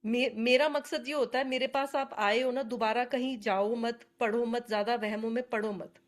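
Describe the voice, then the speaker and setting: A woman's voice: a little high, fairly even intonation, normal speed. A woman teaching astrology on a live webinar, chatty and earnest, speaking to attendees by name over a video call.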